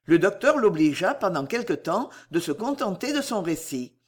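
A man narrating a novel aloud in an expressive, dramatic reading style. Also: high-pitched, normal speed, slightly rough. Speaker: audiobook narrator. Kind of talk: scripted audiobook narration.

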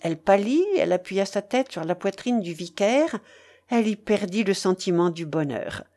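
A woman narrating a classic novel aloud in a measured, expressive storytelling manner. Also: medium pitch.

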